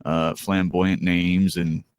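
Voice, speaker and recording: A man's voice: sits low, flat delivery, slow, smooth, dry recording, studio quality. A man co-hosting a casual podcast chat, chatty and hesitant with lots of fillers, laughing often. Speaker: podcast co-host.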